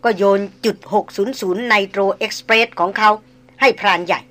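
A woman reading an adventure novel aloud with steady dramatic narration. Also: medium pitch, brisk.

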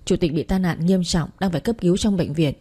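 A woman voicing a male secretary who speaks in a hurried, urgent way over the phone in a storybook reading. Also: fairly low pitch, dark tone, slightly rough. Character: urgent male secretary delivering bad news.

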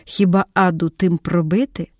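A woman's voice: lowish voice, fairly even intonation, moderate pace, no room sound, clean studio sound, close to an everyday voice. A woman voicing a flighty, brazen middle-aged mother in an audiobook, with a raised, flippant voice.

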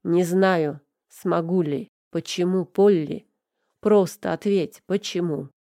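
A woman's voice: on the low side, slow pace, dark tone, no echo, clean studio sound. A woman voicing a proud young man who is bitter and hurt by his lover, asking reproachful questions, in an audiobook. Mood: pressing.

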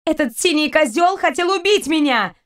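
A woman's voice: high-pitched, expressive, moderate pace, voice pushed up. A woman voicing an angry young captive. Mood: indignant. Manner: indignant, sharp.

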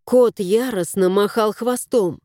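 A woman narrating a storybook in an expressive, lilting reading voice. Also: medium pitch, slow, no echo, studio quality.

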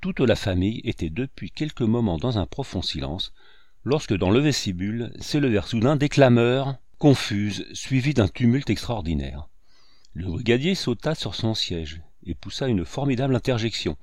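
A man narrating a classic novel as an audiobook in a measured, even reading. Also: mid-range voice, no room sound, studio quality. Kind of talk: scripted narration.

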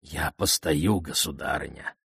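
A man voicing an old, weather-beaten royal messenger who speaks slowly and deferentially. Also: creaky, fairly bright tone, slightly rough, dry recording, clean studio sound, exaggerated voice. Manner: deferential, slow and low.

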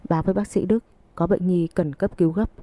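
A woman reading the lines of a brisk young nurse on night duty who asks and orders quickly and practically. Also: fairly low pitch, steady tone, warm tone, no echo, close to an everyday voice. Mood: urgent.

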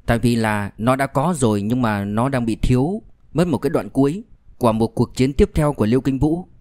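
A man reading a crime novel aloud as a storyteller, in a measured, steady way. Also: mid-range voice, no room sound, clean studio sound. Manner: measured, with fillers in asides. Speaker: audiobook narrator.

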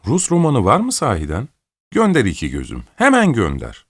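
A man's voice: medium pitch, huge pitch swings, normal speed, husky, no echo, studio quality, voice pushed up, exaggerated voice. A man reading an audiobook, voicing an old, imperious countess who scolds and gives orders. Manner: scolding, commanding, querulous.

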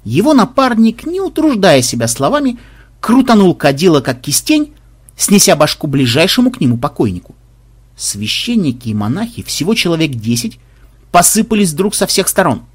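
A man narrating an audiobook with expressive, animated delivery. His pitch ranges widely, and the voice is husky and breathy. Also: moderate pace. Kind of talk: audiobook reading.

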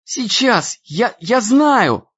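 A man's voice: sits high, big pitch swings, drawn-out words, a bit bright, breathy edge, muffled recording, pitched above the performer's own voice, exaggerated voice. A man voicing an anxious teenage boy who talks nervously and stammers in an audiobook. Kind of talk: audiobook character voice.

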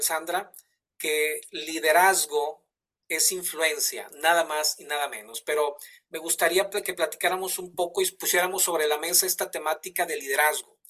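A man's voice: fairly high pitch, a bit bright. A man with a Mexican accent hosting a live online talk show, enthusiastic, with many fillers and restarts. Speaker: host.

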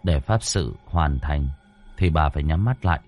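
A man voicing a cold, calm young man who sees ghosts and speaks quietly, in a horror audiobook. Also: very deep voice, moderate pace, faint music behind, voice pushed down.

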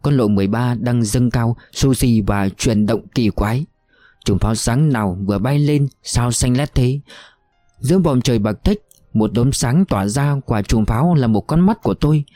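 A male narrator reads a war novel in a somber, steady voice. His tone is dark and mellow, recorded dry and close to the mic. Faint music plays underneath. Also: mid-range voice, moderate pace, dry recording. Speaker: audiobook narrator.

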